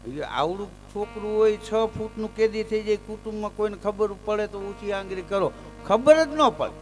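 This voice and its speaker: A man telling folk stories live on stage. He chants verses loudly, then drops into easy chat and lands his punchlines. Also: high voice, normal speed, faint music behind. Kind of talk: live folk storytelling with recited verse and jokes.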